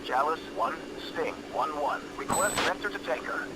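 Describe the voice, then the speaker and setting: A man's voice: fairly high pitch, lively intonation, moderate pace. A man voicing curt military radio calls in a game, heard as a transmission through an oxygen mask, with clipped, formal procedure. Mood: terse. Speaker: air controller and pilot radio calls. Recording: noisy, distant radio chatter.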